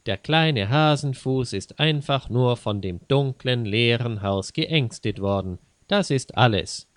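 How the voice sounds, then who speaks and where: A man narrating a story in a measured, deliberate reading. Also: medium pitch, lively intonation, dry recording.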